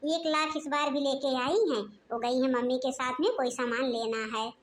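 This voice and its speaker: Woman playing a sly sweet-talking daughter-in-law, cartoon, high bright voice. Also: fairly even intonation, normal speed, a little hiss or hum, lightly acted. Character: scheming young daughter-in-law stirring trouble.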